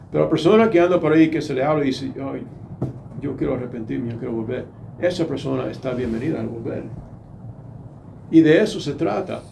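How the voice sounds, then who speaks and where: A middle-aged man preaching a sermon, emphatic, acting out quoted voices and moving between soft and loud delivery. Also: on the high side, gravelly, slight background noise.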